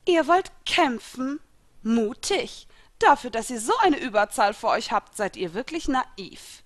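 Eine Frau spielt eine eiskalte, spöttische junge Magierin. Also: female voice, a little high, expressive, measured pace, a bit bright. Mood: mocking. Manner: taunting, with an icy laugh. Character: cold, mocking young female dark-guild mage.

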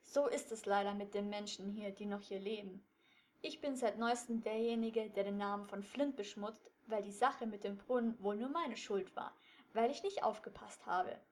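A woman's voice: mid-range voice, normal speed, lightly acted. A woman voicing a tired grown man who sighs and sounds resigned about being blamed. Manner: sighing, resigned. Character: weary, frustrated grown man accused by villagers.

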